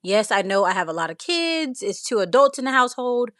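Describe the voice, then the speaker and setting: A woman's voice: on the high side, sing-song, brisk, fairly bright tone, no room sound, studio quality. A woman vlogging about cleaning her kitchen, talking in a chatty, rambling, self-deprecating way with lots of fillers. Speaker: vlogger, mother of a large family. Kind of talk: casual talk to camera while cleaning. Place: home kitchen, indoors.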